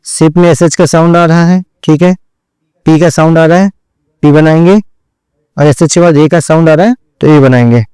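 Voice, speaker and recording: Dry, dark-voiced man teaching step by step. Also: fairly high pitch, fairly even intonation, normal speed, smooth, dry recording, poor audio. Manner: repeats "theek hai" after each step, addresses students directly; drills points over and over. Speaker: shorthand teacher. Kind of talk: online shorthand lesson.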